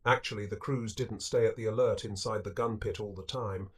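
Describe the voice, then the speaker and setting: A man reading a wartime memoir aloud as an audiobook narrator, in a steady, measured way. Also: lowish voice, breathy edge. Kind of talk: scripted narration.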